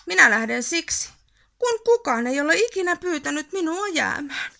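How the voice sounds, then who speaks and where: A woman voicing a wandering troll in a storybook, lively and exclaiming. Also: sits high, vocal fry, voice pushed up, exaggerated voice. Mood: wistful. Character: lonely wandering troll, cheerful then wistful. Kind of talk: storybook reading.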